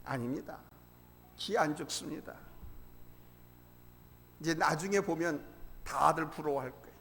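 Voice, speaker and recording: A male pastor preaching a sermon in a church, impassioned, swinging between hushed and loud. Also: a little high, unhurried, gravelly. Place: church sanctuary. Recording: long church hall reverb.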